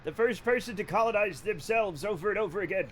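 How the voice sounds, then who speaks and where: A man's voice: sits high, fast, slight background noise. A man from Rhode Island chatting casually on a live game stream, rambling, joking, cursing freely and laughing often. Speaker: livestreamer. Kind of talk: casual live-stream chat while gaming.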